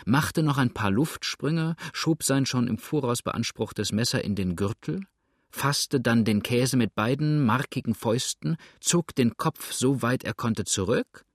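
Guy reading a storybook aloud, steady, dry close recording. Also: medium pitch, no echo. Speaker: narrator. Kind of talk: scripted narration.

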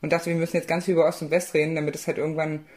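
A woman's voice: low-pitched, flat delivery, racing, darkish tone. A young woman from eastern Germany, an author speaking as a podcast guest, talking with many fillers and restarts. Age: young adult. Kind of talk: conversational podcast interview.

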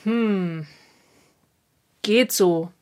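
A woman's voice: medium pitch, drawn-out words, a little mellow. A woman playing a jealous, sulky young woman in a children's series, giving short, curt replies. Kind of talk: children's TV acting.

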